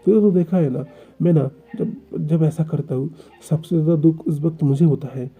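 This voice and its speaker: Man doing a jealous possessive young lover, stammering, pleading, husky, dark tone. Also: on the high side, moderate pace.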